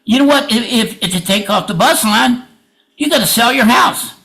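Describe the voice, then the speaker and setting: A man's voice: extremely high pitch, moderate pace, gravelly, pushed and bright, poor audio. A man making an impassioned public comment at a meeting, plain-spoken and emphatic, often repeating himself.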